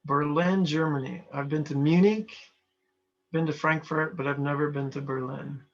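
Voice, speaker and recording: Over a lo-fi video call, a Montana man whose voice sits on the high side talks at normal speed with fairly even intonation. He works as a trainer, chatting casually with people online and voicing their chat messages aloud.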